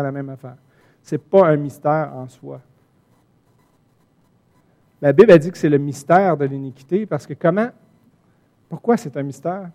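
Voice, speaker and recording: A man with a Quebec French accent preaching a sermon, swinging from soft asides to loud, emphatic points. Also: on the high side. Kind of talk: sermon teaching from the Bible.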